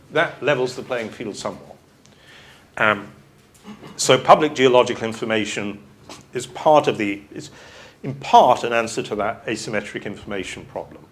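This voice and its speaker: A man's voice: medium pitch, fairly bright tone. A man with a British accent giving a university lecture and answering audience questions in a conversational way, thinking aloud with restarts.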